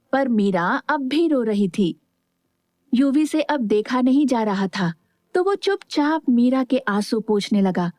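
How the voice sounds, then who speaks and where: A woman narrating a scripted audio story in a calm, even storytelling manner. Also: fairly high pitch, no room sound, studio quality.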